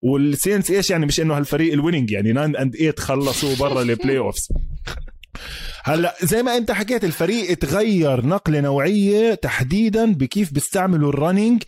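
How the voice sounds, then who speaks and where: A man's voice: fairly high pitch, expressive, rapid-fire, a little mellow, no room sound. A man with a Palestinian Arabic accent chatting casually about sports as a podcast host, emphatic and repeating himself, mixing in English terms.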